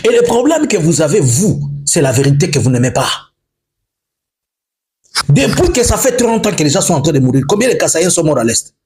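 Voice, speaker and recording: A man's voice: fairly high pitch, sing-song, fairly quick, a little mellow. Guy preaching politics, fired up, repeats himself a lot, voice jumps all over. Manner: emphatic, repetitive, switches between French and English. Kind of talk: impassioned political monologue.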